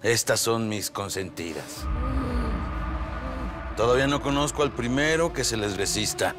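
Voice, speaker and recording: An actor playing a calm, menacing drug lord who mocks his captives and gives orders in a cool voice. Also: mid-range voice, measured pace, music in the background, close to an everyday voice. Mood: cold menace. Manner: coolly menacing, mocking.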